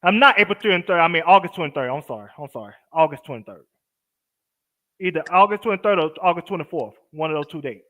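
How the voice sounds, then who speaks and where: Easygoing male co-host, bright and a touch high-pitched. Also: lively intonation, fast talker. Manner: easygoing, hesitant, lots of fillers. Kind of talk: casual live-stream chat.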